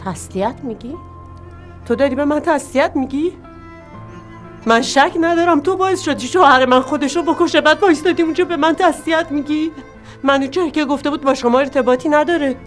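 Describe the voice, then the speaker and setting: A woman's voice: mid-range voice, darkish tone, faint music behind, lightly acted. An actress playing a middle-aged widow and mother of two who pleads and accuses. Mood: furious. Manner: pleading, then bitter and accusing. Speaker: widow confronting her husband's associates. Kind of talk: TV drama acting.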